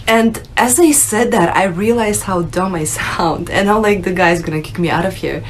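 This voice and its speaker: A woman's voice: medium pitch, normal speed, slight background noise, poor audio. A young woman from Russia speaking unscripted to her viewers about her own path, casual and conversational with many fillers. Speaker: vlogger sharing her conversion story. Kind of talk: unscripted personal talk to camera.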